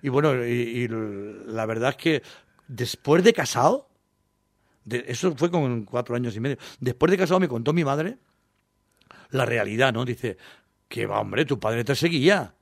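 In an interview, a singer in his sixties from Valencia, Spain, rambles through childhood stories, laughing and acting out voices. His mid-range voice is animated and creaky at a moderate pace, captured in clean, dry studio sound.

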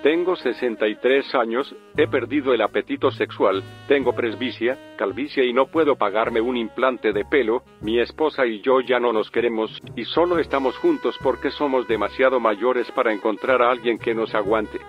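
A man voicing a gloomy caller in his sixties through a metallic, robotic-sounding voice, complaining in a flat, bitter deadpan. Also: medium pitch, normal speed, few pauses, dull audio, faint music behind. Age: 60s. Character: gloomy hopeless older male radio caller.

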